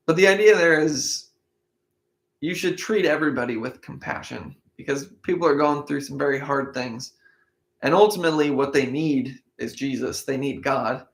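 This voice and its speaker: A man's voice: mid-range voice, vocal fry. A man reading scripture aloud and commenting in a casual, conversational way, acting out the people he quotes. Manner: conversational, acts out quoted speakers. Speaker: Bible reading podcast host. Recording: echoey room.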